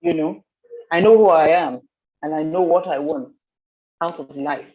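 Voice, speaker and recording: Husky-voiced woman giving a training talk. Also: low voice, moderate pace, lo-fi sound. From Nigeria. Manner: animated storyteller, repeats phrases. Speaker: soft skills trainer.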